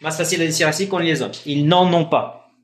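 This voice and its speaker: A man's voice: a little high, steady tone, echoey room. A man teaching French in a live online grammar lesson, patiently repeating examples and checking in with his students. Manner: drawn-out French example phrases.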